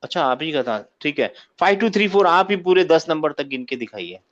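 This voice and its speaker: A man's voice: a little high, very animated, fairly quick, a bit bright. A man teaching an online grammar class, often asking his students to confirm they follow. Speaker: Arabic teacher. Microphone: video call. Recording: muffled lo-fi call audio.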